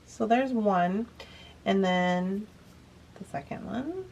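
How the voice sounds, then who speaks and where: A woman leads a beading tutorial, chatting easily as she walks through each step while she works, and she sounds a bit sniffly. Her medium-pitched voice is expressive, slow, creaky and darkish, with a little hiss or hum in the background.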